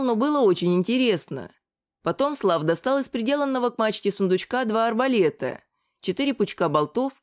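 Female audiobook narrator, even and measured delivery, middle pitch. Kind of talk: scripted narration.

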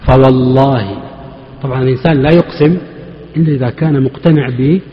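Scholar lecturing in an echoey mosque. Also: male voice, mid-range voice, fast talker. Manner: explanatory, poses questions to students then answers them. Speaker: Islamic scholar teaching hadith. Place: large mosque hall. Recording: echoey mosque hall, dull lo-fi recording.

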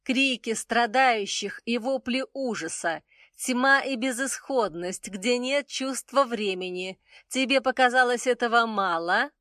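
A sleek, half-feline goddess of beauty speaks in a high, airy voice, put on by a male reader, unhurried and mysterious. Her tone stays cool and appraising, as if she knows more than she tells. The recording is dry and close. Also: expressive, sharp tone, dry recording, full character voice. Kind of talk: audiobook character voice.

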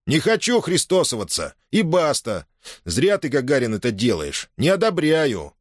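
Brash drunk young soldier, shouty, voiced by a male reader. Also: mid-range voice, huge pitch swings, normal speed, no room sound, clean studio sound, pitched above the performer's own voice. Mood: defiant. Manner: shouting, defiant.

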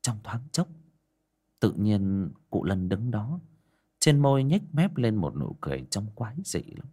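A man narrating a scripted horror story in a dramatic, expressive way. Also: fairly low pitch, a little slow, husky.

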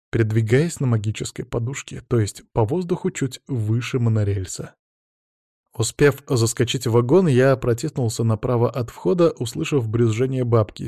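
A man narrating an audiobook in first person, in a steady, matter-of-fact way. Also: mid-range voice, creaky, no echo, studio quality.

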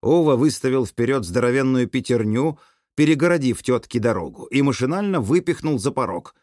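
A man narrating an audiobook in an animated storytelling manner. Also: mid-range voice, brisk, no room sound, studio quality. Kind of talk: scripted narration.

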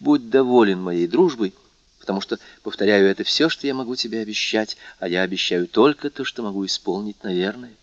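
A man reading a proud, faithful young fisher girl, speaking softly and gravely. The recording is dry and dull. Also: lowish voice, a little fast, dry recording, lightly acted. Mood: grave, sorrowful.

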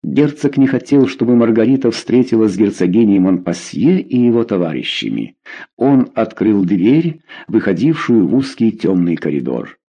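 A man narrating a historical novel in an expressive, measured audiobook reading. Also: lowish voice, slightly rough, lo-fi sound.

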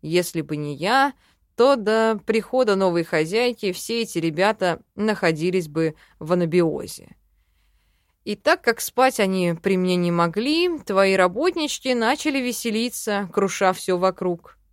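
A woman's voice: medium pitch, animated, unhurried, no echo, close to an everyday voice. A woman voicing a touchy, condescending young male elf in an audiobook, read close and dry. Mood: explaining. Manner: condescending, snapping. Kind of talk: audiobook character reading.

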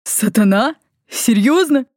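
A woman's voice: medium pitch, moderate pace, darkish tone, no echo, studio quality, natural voice. A woman doing a wry teasing male demon.

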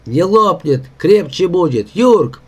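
A man's voice: a little high, lively intonation, unhurried, gravelly, voice pushed up, full character voice. A man voicing a rude, hot-tempered workman who barks his lines. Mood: mocking. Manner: barking, rude. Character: surly hot-tempered male worker. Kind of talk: audiobook character voice.

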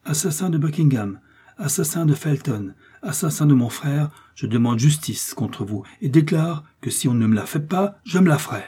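A man voicing an English nobleman who forcefully accuses and demands justice in an audiobook. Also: fairly high pitch, animated, normal speed, slightly rough, voice pushed up. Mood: accusing.

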